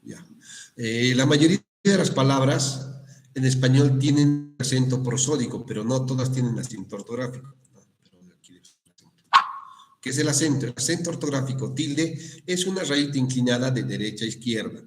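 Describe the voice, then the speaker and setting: A male teacher giving an online class on spelling and accents, explaining slowly with frequent checking questions and restarts. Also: medium pitch, a little mellow, slight background noise. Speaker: university language teacher.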